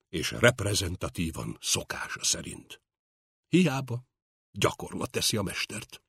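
A man narrates an audiobook with a lively, expressive reading. His voice sits low and sounds husky. The recording is close and dry. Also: no room sound.

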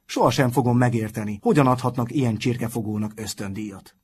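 A man reading aloud and voicing a sneering, mocking older schoolboy prefect in a raised, loud voice. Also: mid-range voice, a little hiss or hum, lightly acted.

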